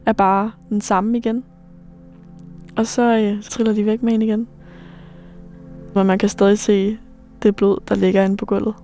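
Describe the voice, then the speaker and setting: Young woman with a gravelly, flat retelling. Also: mid-range voice, soft background music. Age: 20s. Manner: halting, many fillers, vivid recollection. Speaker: bar worker recounting rescues. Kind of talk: personal radio storytelling.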